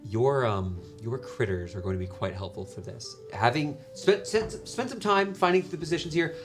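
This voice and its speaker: A man's voice: mid-range voice, animated, moderate pace. A man serving as game master, his voice rising and falling a lot as he lays out each scene. He often circles back and restarts his phrases, and faint music plays behind him. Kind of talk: narrating a tabletop game.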